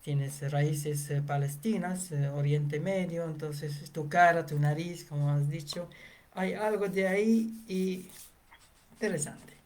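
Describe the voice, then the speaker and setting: A woman hosting a casual interview, speaking slowly with many hesitations and fillers. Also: low-pitched, darkish tone. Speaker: interview host.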